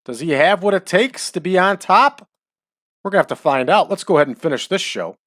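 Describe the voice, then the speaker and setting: A man's voice: sits high, lively intonation, a little fast, a bit bright, no room sound, studio quality. A man in his forties giving chatty, rambling commentary while playing a wrestling management game. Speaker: let's-play host.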